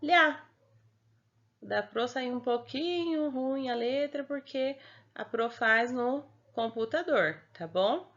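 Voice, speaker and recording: A young woman with a Brazilian Portuguese accent explains a homework sheet to young children at a slow, patient pace. Her voice sits a little high and turns sing-song, and she keeps checking in with her pupils. The home recording sounds dull and lo-fi. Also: lively intonation. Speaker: primary school teacher.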